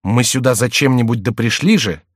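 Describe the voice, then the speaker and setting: A man's voice: medium pitch, a little fast, no room sound, studio quality, close to an everyday voice. A man voicing an earnest, stubborn young nobleman who insists on his view.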